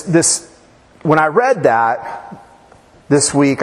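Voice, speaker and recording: A man preaching a casual sermon, telling stories with informal asides, fillers and restarts. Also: mid-range voice. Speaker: pastor. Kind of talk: conversational sermon with storytelling. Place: church sanctuary. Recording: reverberant church hall.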